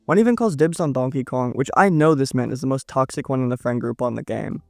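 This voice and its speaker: A man's voice: medium pitch, darkish tone, no room sound. A young man reading a scripted manga chapter recap in a casual, slangy way with joking asides.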